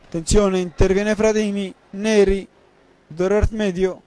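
High-pitched Italian man, breathless excited goal commentary. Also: no echo. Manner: breathless, urgent, bursting into drawn-out, repeated goal cries. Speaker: sports commentator.

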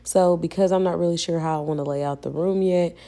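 A woman's voice: lowish voice, fairly even intonation, quick pace, warm tone. A young adult woman narrating her vlog in a chatty, friendly way, talking to her viewers as y'all while she shows a setup. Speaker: vlogger and hairstylist. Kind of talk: casual voice-over vlog narration.

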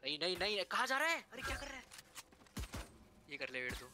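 A man streaming a team shooter, chatting casually and shouting quick excitable callouts to teammates. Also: high voice, background noise. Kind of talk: casual gaming chat. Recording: loud keyboard and mouse clicks.

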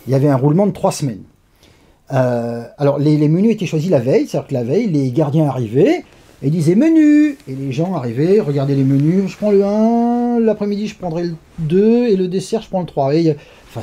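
A man from France, a guest in a conversational interview, telling animated stories with lively asides. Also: a little high, husky.

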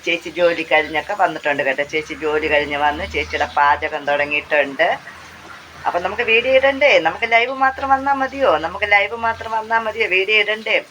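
Hoarse Kerala woman, casual cooking vlogger, phone-held mic, faint sizzle under. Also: lowish voice, fast, sharp tone, slight background noise, low-quality recording. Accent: Kerala Malayalam. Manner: chatty, repeats phrases, tag questions. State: hoarse from talking. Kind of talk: casual chat while cooking. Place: home kitchen. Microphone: handheld phone. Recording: faint frying sounds behind.

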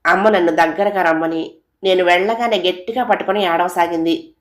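A woman with a fairly low voice reads a story aloud at an even, unhurried pace. She slips into the characters' voices with small shifts. The delivery stays steady and clear. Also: echoey room. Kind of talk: audio story narration.

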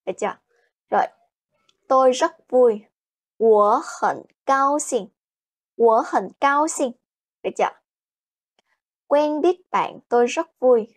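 Woman teaching Chinese. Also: on the high side. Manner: explains in Vietnamese, models Chinese slowly, keeps asking "Được chưa?". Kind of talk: language lesson.

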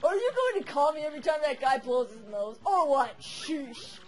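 A woman's voice: sits high, animated, normal speed, a little mellow. A woman voicing a bossy, impatient male turtle-dragon king villain who bellows and gloats. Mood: boastful.

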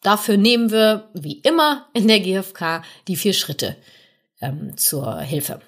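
A woman hosting a podcast, gently explaining nonviolent communication to parents and addressing the listener directly with little tag questions. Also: mid-range voice, expressive, unhurried. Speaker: podcast host and communication coach. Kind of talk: podcast monologue giving parenting advice.

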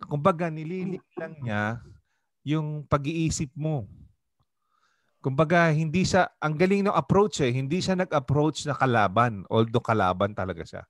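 This Filipino pastor's voice is a little high and his pace moderate, recorded with no echo. He runs a Bible study conversationally in Tagalog and English, regularly questioning the group.

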